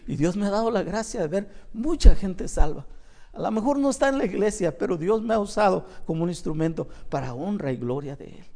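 A man preaching an evangelical sermon, swinging between loud cries and hushed asides. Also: sits high. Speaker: pastor.

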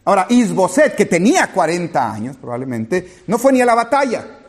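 A man's voice: high-pitched, a little fast, husky. A man preaching a sermon to his congregation, retelling a scripture story and speaking to his listeners directly. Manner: animated, rising and falling, retelling scripture with quoted dialogue.

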